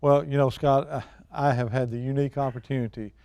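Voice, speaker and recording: Talking at a slightly fast clip, this middle-aged or older man has a medium-pitched, steady, darkish voice with no echo around it. As a guest expert and outdoors show personality, he chats casually about hunting and tells stories in a folksy, down-to-earth style.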